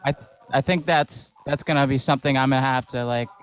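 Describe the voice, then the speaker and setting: Hesitant man, mid-pitched guest. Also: fairly even intonation. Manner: hesitant, halting, with restarts. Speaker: singer-songwriter panel guest. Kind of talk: casual chat.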